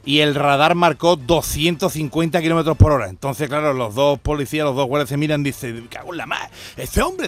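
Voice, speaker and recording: A man with an Andalusian accent telling jokes on a radio show, animated and laughing at his own punchlines. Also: on the high side. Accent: Andalusian Spanish. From Andalusia, Spain. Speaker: joke-telling radio guest.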